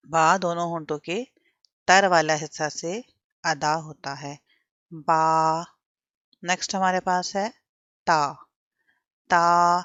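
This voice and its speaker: A woman's voice: fairly low pitch, a bit bright, no room sound, lo-fi sound. A woman teaching Quran letter sounds step by step, asking questions and having learners repeat after her. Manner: patient, drills learners with repetition and questions.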